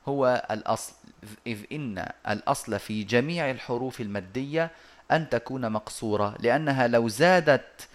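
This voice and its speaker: A male teacher works through a lesson over a video call. He speaks in a middling voice, measured and methodical. He often stops on long hesitant sounds before going on. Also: medium pitch. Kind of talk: explanatory lesson.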